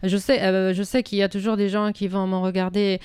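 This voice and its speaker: A woman from Syria with an Arabic accent, a poet answering interview questions thoughtfully, with many pauses and restarts. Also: mid-range voice, level tone, darkish tone, clear, resonant tone, dry recording, studio quality. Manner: hesitant, many restarts and fillers.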